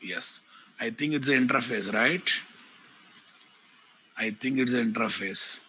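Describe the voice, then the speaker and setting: A programming teacher with a Telugu Indian English accent leads a live online software class, speaking directly to his students and repeating phrases. His voice is mid-range and husky, and he takes his time.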